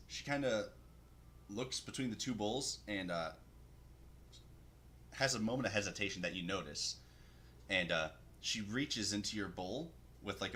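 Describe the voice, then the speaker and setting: Male tabletop game master, bright and low-pitched, unhurried narration full of ums, faint hiss under it. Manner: halting, many ums and uhs, laughs often.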